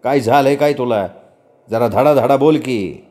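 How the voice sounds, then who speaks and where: A man's voice: mid-range voice, a little slow, warm tone, natural voice. A man doing a blunt rural older brother. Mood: coaxing. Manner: blunt village dialect, coaxing.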